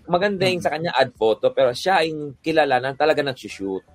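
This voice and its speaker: A man with a somewhat high voice chats as a guest on a podcast. He tells work stories in a relaxed, meandering way. He often mixes English phrases into his talk. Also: fairly quick, dry recording. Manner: relaxed storytelling, mixing English in. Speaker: guest photographer. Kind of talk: casual podcast chat.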